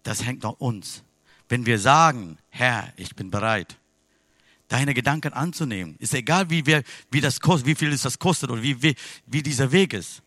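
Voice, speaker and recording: Bright, forceful man preaching a sermon. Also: mid-range voice, expressive, normal speed, no echo, studio quality. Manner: non-native German with broken grammar; swings between hushed asides and loud exclamations.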